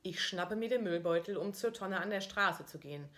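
A woman's voice: mid-range voice, normal speed, fairly bright tone. A woman reading her own first-person diary-style story aloud in a dry, ironic manner.

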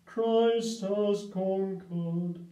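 An older male priest chanting and praying the liturgy slowly and solemnly, recorded by a far camera in a small indoor room. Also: sits high, steady tone, dark tone. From England. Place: small room set up as a home altar, indoors. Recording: echoey, distant, dull lo-fi sound.

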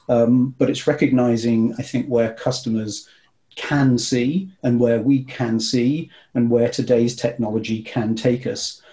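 An older man in his sixties talks as an executive guest on a video call, thoughtful and unhurried. His voice is mellow and dark. He sits in a small room before a webcam. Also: mid-range voice, rough recording. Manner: thoughtful, with frequent fillers and restarts. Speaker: company vice president, guest. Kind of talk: panel discussion on a video call.

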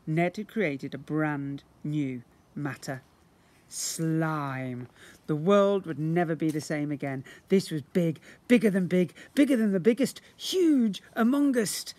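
Reading to small children, a man in his fifties performs the story expressively and acts out its sound effects. He speaks a little high. The clip was taken outdoors beside brick houses with a phone or camera about arm's length away, and there's slight background noise.

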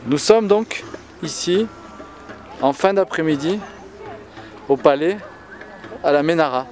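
High-voiced man interviewing playfully. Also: animated, slow, darkish tone, a little hiss or hum. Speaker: off-camera interviewer. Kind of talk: mock-formal interview questions.

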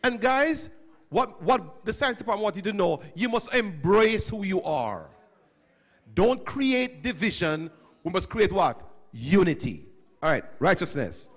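In a school chapel, a middle-aged man with a high-pitched, unhurried voice teaches students through a handheld microphone. His interactive talk is animated, and he keeps posing questions and calling on listeners.

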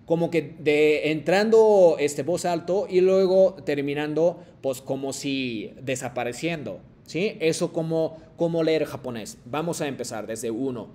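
A man teaching a Japanese class online, slowly modeling phrases for his students to repeat. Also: on the high side, darkish tone. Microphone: video call.

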